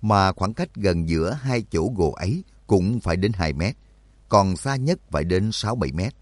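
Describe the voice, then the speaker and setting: A man narrating an adventure audiobook in an expressive storytelling voice. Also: low voice, moderate pace, dry recording. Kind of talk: scripted narration.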